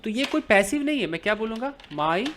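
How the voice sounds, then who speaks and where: A man's voice: sits high, sing-song, fairly quick, a bit bright, slight background noise. A man teaching an English grammar lesson in Hindi, explaining with everyday examples and asking and answering his own questions.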